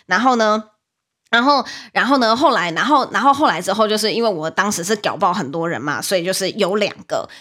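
A young woman with a Taiwanese Mandarin accent, hosting a podcast and telling a story in a chatty, animated way, with many fillers and repeats. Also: medium pitch. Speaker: podcast host, livestreamer. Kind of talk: casual storytelling monologue.

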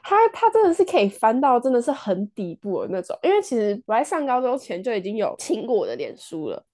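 A woman's voice: on the high side, big pitch swings, fast talker, a little mellow. A young woman with a Taiwanese accent, chatting casually as a podcast co-host. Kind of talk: casual chat.

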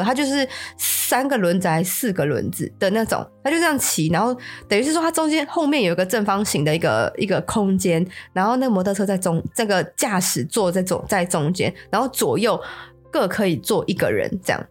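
A woman's voice: medium pitch, big pitch swings, fairly quick, breathy edge, faint music behind. A woman podcast host with a Taiwanese Mandarin accent, telling a story casually, with stammering restarts. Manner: stammering restarts, acts out quotes.

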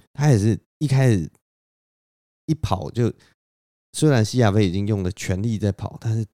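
Low, mellow man telling a myth story. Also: no echo, studio quality. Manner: conversational, with repetitions and sound effects. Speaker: podcast host. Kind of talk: casual storytelling retelling a myth.

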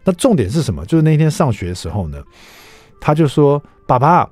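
A middle-aged man with a Taiwanese Mandarin accent, hosting a radio show and chatting through an animated story. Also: on the high side, fairly quick, no room sound, faint music behind. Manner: animated, chatty, acts out quoted lines. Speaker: radio host. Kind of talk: casual storytelling monologue. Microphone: studio microphone.

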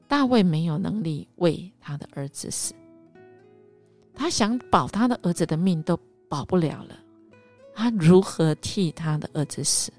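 A woman hosting a devotional podcast. She retells a Bible story with animated delivery and often sinks into soft half-whispers. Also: fairly low pitch, a little slow, faint music behind.

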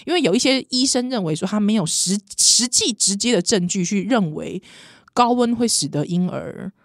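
Brief: Taiwanese woman, thirties, pregnant podcast co-host, animated storyteller, dry close sound. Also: mid-range voice, normal speed, no room sound. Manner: laughs often, animated storytelling, slips into Taiwanese. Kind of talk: casual chat.

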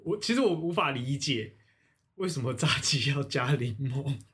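A man co-hosting a casual podcast, retelling scenes in an animated storytelling way. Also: medium pitch, normal speed. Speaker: podcast co-host.

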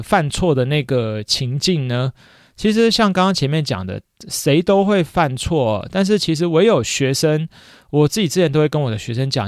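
A man's voice: a little high, no echo, studio quality. Chatty male teacher podcaster. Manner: chatty, reflective, frequent laughs and "对" fillers. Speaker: podcast host and schoolteacher. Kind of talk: casual solo podcast monologue.

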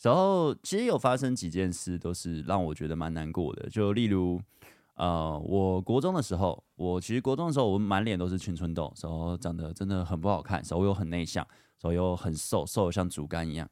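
Here a young man runs a podcast, speaking briskly in a low voice as he recounts personal stories, chatty, candid, full of fillers, and animated in the retelling. The casual monologue has a dry, studio-quality sound.

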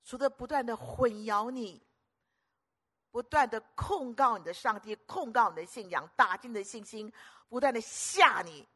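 A woman's voice: fairly high pitch, expressive, normal speed, sharp tone, slightly rough. An older woman preaching a sermon, emphatic, repeating phrases in lists and putting questions to the audience.

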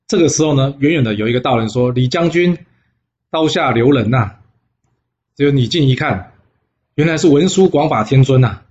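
A man telling a classic legend in a folksy way, often pausing on fillers. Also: medium pitch. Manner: folksy, with frequent filler pauses. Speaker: storyteller. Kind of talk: storytelling narration. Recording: slightly dull lo-fi recording.

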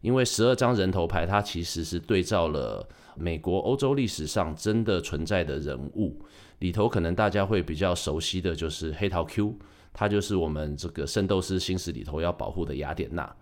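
A man hosting a solo podcast in a casual, chatty way, with joking asides and quick self-corrections, in Taiwanese Mandarin. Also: sits low, expressive. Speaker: podcast host.

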